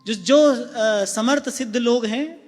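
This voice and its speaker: A man giving a gentle devotional discourse, often repeating himself and putting questions to his listeners. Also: very high-pitched, slow pace. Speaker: spiritual discourse speaker. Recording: long hall reverb with faint music.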